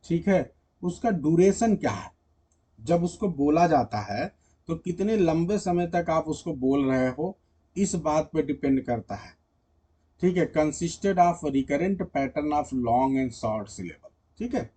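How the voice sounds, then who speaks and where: A man's voice: fairly high pitch, animated, slow, mellow, husky. A male teacher giving an exam-prep lecture in Hindi mixed with English terms. He explains step by step and keeps checking that students follow. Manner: mixes English terms and read-out definitions into Hindi.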